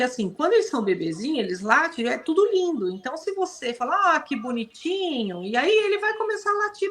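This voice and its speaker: A woman's voice: a little high, fairly bright tone. A woman from Brazil, a guest on a live stream, explaining dog care casually and often checking in with her listener. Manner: explanatory, uses many tag questions. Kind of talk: casual advice in a live interview.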